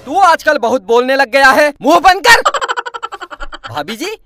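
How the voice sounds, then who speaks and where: A man performing a slapstick comedy sketch, talking loudly with exaggerated shouting and mock crying. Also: extremely high pitch, very animated, slow. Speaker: comedy sketch performer voicing several characters. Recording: loud music under the voice.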